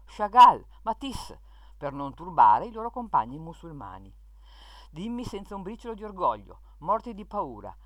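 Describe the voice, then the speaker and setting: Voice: mid-range voice, fairly bright tone, no room sound. A speaker reading an opinion column aloud in an indignant tone, with sarcastic rhetorical questions. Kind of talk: scripted reading of an opinion piece.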